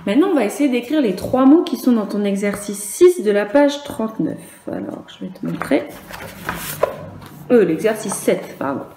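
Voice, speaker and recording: A woman's voice: mid-range voice, sing-song, moderate pace, dark tone, roomy sound, a little hiss or hum. A woman with a French accent teaching young children in a virtual class, patiently spelling out sounds and syllables. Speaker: primary school teacher.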